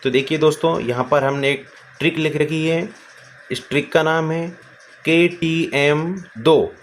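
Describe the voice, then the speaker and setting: A male teacher with a fairly high, steady voice gives a grammar lesson over slight background noise. He keeps asking questions and answering them himself, calls his viewers friends, and slowly stretches out sounds as examples.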